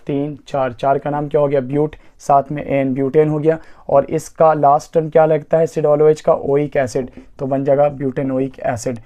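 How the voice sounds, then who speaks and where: A man with a mellow, medium-pitched voice teaches a chemistry exam-prep lesson, counting carbons aloud step by step. He poses rhetorical questions and then answers them himself. The audio sounds dull.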